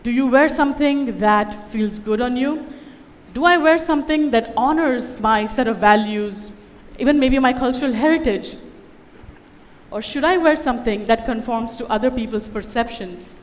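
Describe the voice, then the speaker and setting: In a large hall, a conference speaker raised in Dubai talks to the audience from the stage, keeping her personal story witty and conversational with wry asides. She speaks at normal speed in a slightly high voice.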